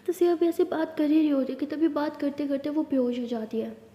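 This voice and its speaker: High-voiced woman narrating a story. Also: fairly quick. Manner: steady, expressive storytelling. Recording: echoey room with long reverb.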